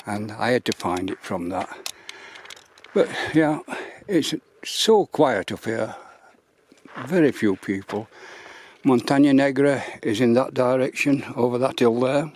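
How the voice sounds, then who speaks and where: A man, out of breath, rambling slowly with many pauses while filming his walk on a quiet mountain path. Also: medium pitch, slight background noise. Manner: slow, rambling, many uhs. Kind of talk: casual walking vlog.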